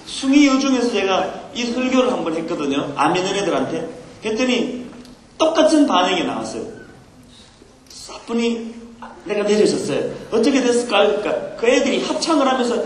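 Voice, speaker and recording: A man's voice: high voice, sing-song, a little fast. A male pastor preaching to young people at a retreat, playful and teasing, telling a comic story and drawing the crowd in. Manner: playful, teasing, talks with the audience. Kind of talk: comic youth sermon storytelling. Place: large hall at a youth retreat. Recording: echoey hall with crowd noise, old recording. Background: audience laughter.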